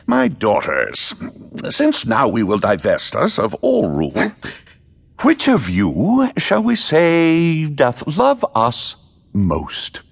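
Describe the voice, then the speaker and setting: King Lear, husky swooping old monarch. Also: a little high, wildly swooping pitch, takes it slowly, full character voice. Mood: grand, doting. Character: old king of Britain, grandly commanding, doting, capricious. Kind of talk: theatrical Shakespearean audio drama. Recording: long hall-like reverb.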